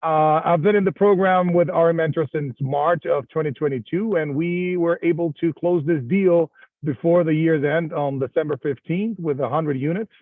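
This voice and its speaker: A middle-aged man from Venezuela, a podcast guest speaking in a measured, slightly hesitant way. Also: on the high side, no echo. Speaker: guest investor. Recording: dry tinny phone line.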